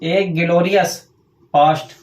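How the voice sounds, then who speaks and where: Male teacher, classroom lecture, step-by-step explaining, higher voice, echoey room. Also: steady tone. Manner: explains step by step, asks questions and answers them himself; dictates slowly while writing on a board.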